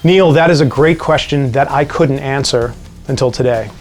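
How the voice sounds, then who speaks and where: A man with a New York accent answering viewer questions in a casual vlog, relaxed and wry with dry jokes. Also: mid-range voice, moderate pace, soft background music.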